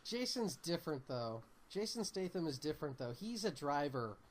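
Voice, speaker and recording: A man's voice: on the high side, sing-song, moderate pace, a little hiss or hum. A man chatting casually about films on a podcast, emphatic and joking. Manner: emphatic, joking, puts on mock voices. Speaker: podcast co-host. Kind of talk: casual chat.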